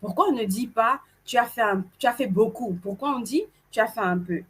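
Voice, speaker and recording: A woman from Cameroon co-hosting a live event, telling stories to the audience in a playful, animated way. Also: a little high, fairly quick, husky. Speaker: event co-host. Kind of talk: casual presenting to an audience.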